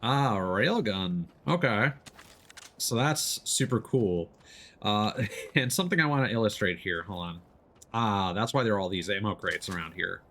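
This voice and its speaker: Streaming a video game, a man gives easygoing, casual commentary, explaining as he plays. His fairly low voice is expressive and fairly bright, paced moderately, and game sound runs in the background.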